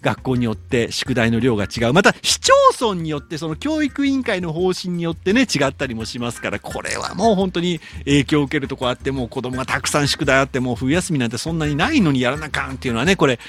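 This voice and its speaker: A man's voice: medium pitch, fast, hardly any pauses. A man hosting a radio show, reading listener letters and chatting about them. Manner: lively, reads letters aloud, then comments chattily. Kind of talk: casual radio talk.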